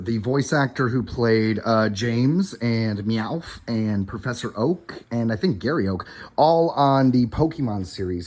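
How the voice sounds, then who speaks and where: A man hosts a casual solo podcast from his hotel room on vacation, informally addressing listeners as "guys" while going over news updates. His voice is mid-range and a little mellow.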